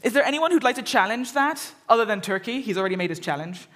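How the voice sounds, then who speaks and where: A woman's voice: a little high, expressive, fast talker, a bit bright. An English woman hosting a live event, joking and chatting with the audience on stage. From England. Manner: joking, chatty, teasing the crowd. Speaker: event host. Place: lecture hall with live audience.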